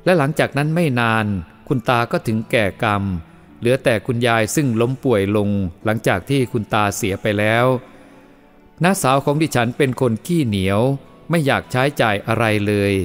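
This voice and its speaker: Man reading a tale over soft music. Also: medium pitch, normal speed. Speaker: storyteller. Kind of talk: reading a first-person karma tale aloud.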